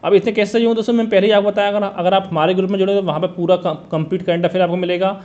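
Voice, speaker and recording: Fast-talking high-voiced Hindi exam coach. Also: male voice, flat delivery, a little mellow, dull audio. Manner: brisk, keeps saying "dosto" and "theek hai". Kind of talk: exam strategy talk.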